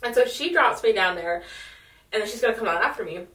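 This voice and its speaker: A woman's voice: fairly high pitch, lively intonation, quick pace, sharp tone. A woman with a Californian accent telling stories in casual, slangy chat, often saying "like". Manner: informal, slangy, says "like" often. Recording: roomy echo, distant mic.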